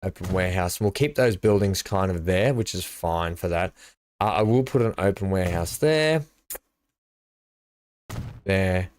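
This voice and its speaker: There are long pauses as this streamer works on a build, casually thinking aloud and mumbling about placements in a relaxed tone. His voice is low and moderately paced, with no echo.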